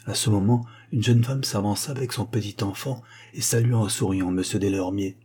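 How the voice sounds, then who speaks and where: Low husky male narrator. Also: steady tone, a little fast, mellow. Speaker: audiobook narrator. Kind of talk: scripted narration.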